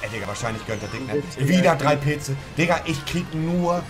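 High-pitched, exasperated man ranting over loud game music. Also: expressive, normal speed. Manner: ranting, exasperated, crude and slangy. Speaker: game streamer. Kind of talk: live gaming commentary with friends. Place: streaming room indoors.

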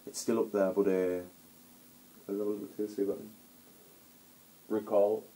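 Low, mellow Scottish man reviewing whisky. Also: flat delivery, poor audio. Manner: rambling, halting, chatty with restarts. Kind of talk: casual video review.

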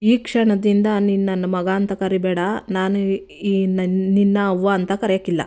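A woman's voice: mid-range voice, level tone, measured pace, dark tone, natural voice. Wounded stern village patriarch, read by a woman. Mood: hurt. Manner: grave, wounded reproach. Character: hurt, stern village patriarch, the grown son.

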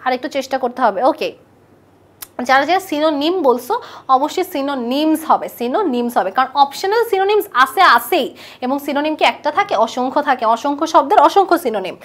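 A woman teaches a live online English class in a high voice. She quizzes her students, repeats their answers back, and reads test sentences out slowly. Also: expressive.

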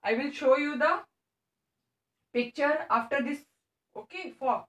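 Indian woman, teacher, very slow deliberate lesson, spells words aloud, quizzes young children. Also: high-pitched, roomy sound, poor audio. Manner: spells words letter by letter, switches between English and Hindi; asks the children questions and answers them herself.

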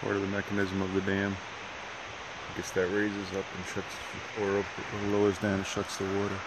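A low, monotone, brisk voice belongs to a middle-aged hiking vlogger talking casually outdoors. He holds his phone at arm's length on a wooded trail and dam, and the recording clearly picks up outdoor background noise.

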